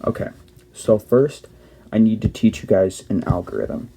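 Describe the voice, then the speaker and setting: A man's voice: fairly low pitch, normal speed, dark tone. A young man hosting a casual step-by-step tutorial, explaining plainly and often correcting himself mid-sentence. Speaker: cube tutorial host.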